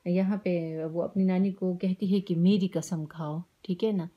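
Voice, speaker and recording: A woman's voice: fairly low pitch, steady tone, highs cut off. A woman teacher with a Pakistani Urdu accent, reading a story aloud and stopping to explain words with simple synonyms, often checking in with her students. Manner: reads a line, then glosses words with simple synonyms; keeps asking "ٹھیک ہے نا".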